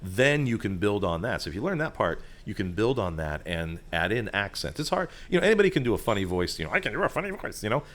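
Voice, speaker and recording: Deep-voiced man explaining voiceover work. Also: very animated, fast, hardly any pauses, fairly bright tone. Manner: chatty, many fillers and asides. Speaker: voiceover artist and sound designer, guest. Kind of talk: conversational explaining. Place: restaurant.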